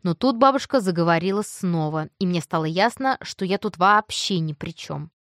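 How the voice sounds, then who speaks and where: A woman narrating a first-person audiobook in a lively, emotive way. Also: lowish voice, moderate pace, no room sound, studio quality.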